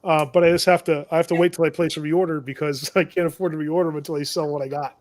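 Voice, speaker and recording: Man, somewhat high pitch, casual rambling storyteller, self-correcting, wry. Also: fairly even intonation, fast talker, a little mellow, no echo. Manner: rambling, self-correcting, chuckles at own misfortune. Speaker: shop owner and tool vendor. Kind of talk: casual storytelling on a live show.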